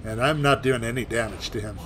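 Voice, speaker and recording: A man's voice: medium pitch, fairly quick, fairly bright tone, slight background noise. A laid-back man streaming a game, chatting casually and swearing as he plays. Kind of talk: casual gameplay commentary.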